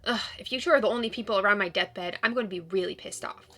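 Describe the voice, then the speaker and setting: A woman's voice: mid-range voice, fast, a bit bright, voice pushed down, close to an everyday voice. A woman voicing a grumpy, bitter young loner in a visual novel, with a sullen, dry, complaining delivery. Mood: irritable.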